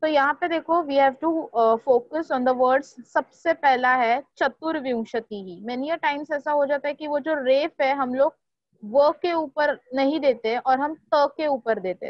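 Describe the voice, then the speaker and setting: A woman's voice: high voice, no echo, muffled recording. A woman teaches a Sanskrit class over a video call, encouraging and mixing Hindi with English.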